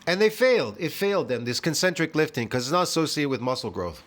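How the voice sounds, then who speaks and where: Speaking fast and with lots of animation, this fitness video host, a man in his fifties, has a fairly high-pitched voice. Filming a reaction video at home, he rants scornfully, swears, and keeps peppering his talk with "man" and "bro."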